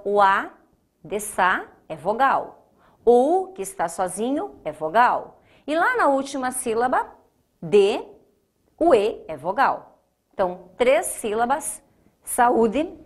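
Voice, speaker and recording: A woman teaching a grammar lesson, explaining and repeating key points, slowing down to spell out syllables. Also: fairly high pitch.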